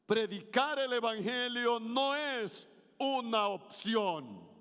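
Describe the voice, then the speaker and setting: A man's voice: extremely high pitch, lively intonation, slow pace, fairly bright tone, smooth. A middle-aged man preaching a sermon as pastor, playing with his intonation for emphasis and leading the congregation in call-and-response. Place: church sanctuary. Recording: reverberant church hall.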